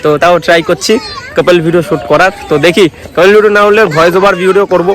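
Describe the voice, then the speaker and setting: Holding his phone as he vlogs by a lake in an outdoor park near a street, a young West Bengali man narrates casually and playfully, addressing viewers as brother. He speaks fast in a high, steady voice with a fairly bright tone.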